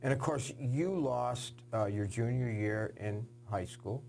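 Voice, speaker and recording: A man hosting a TV sports interview, asking earnest questions with halting fillers. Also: medium pitch, vocal fry, a little mellow, slight background noise. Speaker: sports show host.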